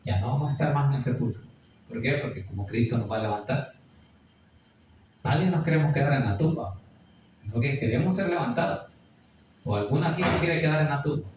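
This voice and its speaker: A man preaching a Bible study sermon, slowing and rising high as he reads scripture aloud. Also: darkish tone, slight background noise. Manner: rises sharply when reading scripture aloud, slow emphatic phrasing. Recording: echoey room, far from the mic.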